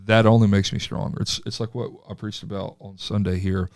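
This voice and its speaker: A man, a pastor hosting a casual podcast chat with halting restarts and easy laughs. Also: fairly low pitch, flat delivery, dry recording, clean studio sound.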